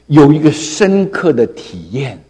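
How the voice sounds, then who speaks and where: Husky preacher in a reverberant hall. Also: male voice, fairly high pitch, measured pace. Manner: storytelling, animated, frequent tag particles. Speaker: pastor. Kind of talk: sermon.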